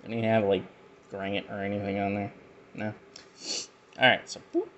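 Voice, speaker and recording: A man's voice: fairly low pitch, little pitch movement, moderate pace, a bit bright, lo-fi sound, slight background noise. A man giving rambling, jokey commentary as he unboxes and reviews action figures. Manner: rambling, jokey, with frequent fillers. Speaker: toy reviewer.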